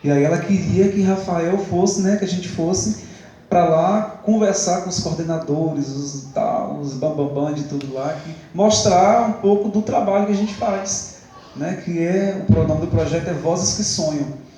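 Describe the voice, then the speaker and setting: Young man, Brazilian accent, church testimony, chatty storyteller, fairly high, mellow voice, very echoey hall. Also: a little slow, slight background noise. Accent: Brazilian Portuguese. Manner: chatty storytelling, acts out the dialogue, laughs often. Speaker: church worship leader giving testimony.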